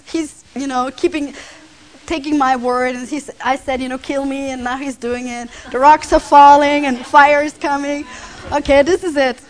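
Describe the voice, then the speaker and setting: A woman preaching a sermon in a conversational way, sometimes dropping to a soft, hushed voice. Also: a little high, slight background noise, low-quality recording. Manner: conversational, drops to near whisper on quiet lines.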